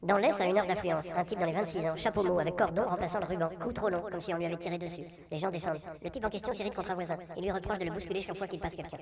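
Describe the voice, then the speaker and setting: A man reading a literary text aloud, his recording sped up into a high chipmunk voice with a rapid, breathless delivery. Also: fairly even intonation, vocal fry, over a noisy crowd.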